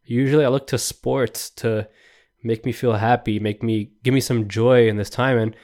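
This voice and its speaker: A young man hosting a solo podcast, rambling and joking in an animated, exasperated rant. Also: mid-range voice, normal speed. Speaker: podcast host. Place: New York.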